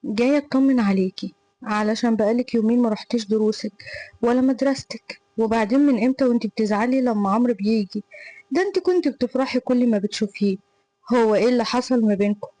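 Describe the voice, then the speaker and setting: A woman's voice: on the high side, fast, warm tone, no room sound, lightly acted, poor audio. A woman reading the part of a protective older brother in an Egyptian Arabic accent, concerned and insistent.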